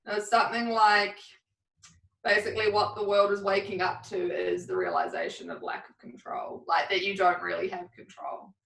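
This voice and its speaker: A woman in a relaxed podcast chat, open and rambling, with easy laughs in her talk. Her voice sits a little away from the mic. The room around her rings noticeably. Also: mid-range voice, moderate pace. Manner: rambling, candid, laughs often. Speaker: podcast co-host. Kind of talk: casual chat. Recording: roomy, a bit distant from the mic.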